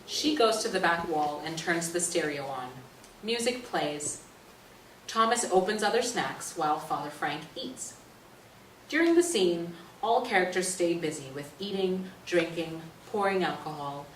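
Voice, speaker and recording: In a scripted reading, a woman with a fairly low voice delivers the stage directions expressively and a little slowly. She's captured from a distance in a roomy space, with faint noise around her.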